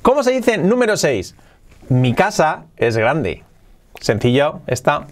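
A man teaching English in a podcast lesson, switching between explanations and slow, drawn-out English example sentences. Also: a little high, very animated.

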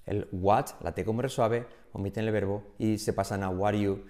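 A man from Spain with a Spain Spanish accent, an English pronunciation teacher giving an energetic online lesson and drilling example phrases aloud. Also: lowish voice, moderate pace.

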